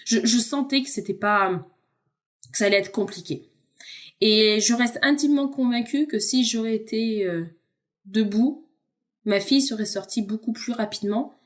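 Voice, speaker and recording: A woman's voice: fairly high pitch, moderate pace. A woman who is a podcast guest, telling a personal story in a candid, conversational way and addressing the host informally. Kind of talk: personal storytelling in a casual chat.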